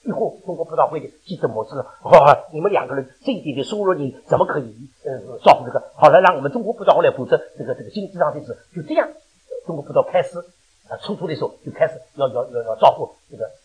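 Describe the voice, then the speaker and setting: An older male preacher with a very husky, worn voice gives a sermon. He talks fast, and his pitch leaps high and drops low as he moves from emphatic questions to hushed storytelling. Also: lo-fi sound. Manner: animated, rising to loud emphatic questions then dropping low. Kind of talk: sermon with personal testimony.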